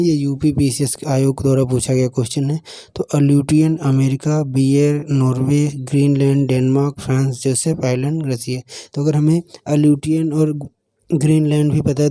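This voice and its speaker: A man's voice: mid-range voice, mellow, dry recording. A man teaching geography for exam prep, drilling points by asking quiz questions and answering them himself, switching between Hindi and English phrases. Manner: asks and answers his own quiz questions. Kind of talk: explanatory lecture.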